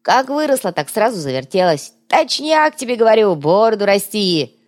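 A woman voicing an excitable young male thug with a squeaky, eager way of talking. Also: normal speed, close to an everyday voice. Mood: excited.

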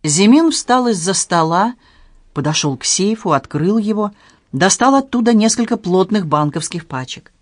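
Expressive audiobook narrator, dry sound. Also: medium pitch, moderate pace, dry recording. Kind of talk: dramatized audiobook reading.

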